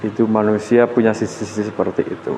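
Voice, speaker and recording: A man's voice: on the low side, level tone, fast, gravelly, warm tone. A man giving a university lecture in a classroom, talking in a casual, conversational way with fillers and self-corrections. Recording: echoey classroom, faint room noise.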